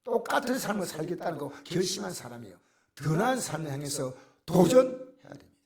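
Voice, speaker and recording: A middle-aged male pastor, preaching a sermon that swings from hushed near-whispers to loud exclamations. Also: fairly high pitch, sing-song, brisk, vocal fry.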